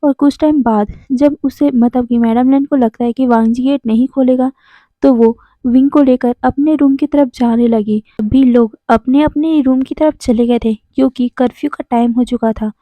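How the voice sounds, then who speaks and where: A woman's voice: high-pitched, fairly even intonation, moderate pace, no echo, highs cut off. A woman narrating a fan-fiction story in a chatty way, often restating herself.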